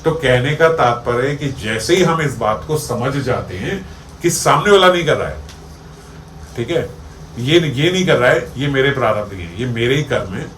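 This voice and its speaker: A man's voice: medium pitch, expressive, normal speed, a bit bright, a little hiss or hum. Man giving an echoey spiritual talk. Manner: conversational, explains with everyday examples, checks listeners follow. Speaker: spiritual teacher. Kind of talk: devotional discourse. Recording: echoey room with faint ambience.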